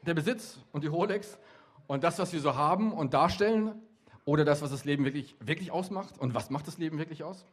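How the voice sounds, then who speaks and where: High-voiced man joking with a youth crowd. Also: fairly quick. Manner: chatty, joking, asking the audience many questions. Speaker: youth worker speaking at a youth event. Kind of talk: lively talk to a young audience.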